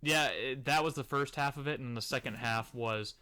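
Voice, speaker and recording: A man's voice: mid-range voice, moderate pace, pushed and bright, a little hiss or hum. A man co-hosting a casual podcast, running through episodes and steering the talk. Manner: chatty, leads the episode rundown. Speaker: podcast co-host.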